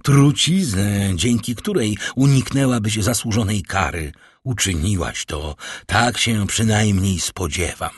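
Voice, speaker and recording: A man reading an audiobook, voicing a cold, stern prosecutor who accuses his wife in a slow, cutting manner. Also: on the low side, slightly rough, no room sound. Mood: accusing. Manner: icy, cutting, slow and menacing. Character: cold stern male prosecutor, middle-aged husband. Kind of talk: audiobook character voice.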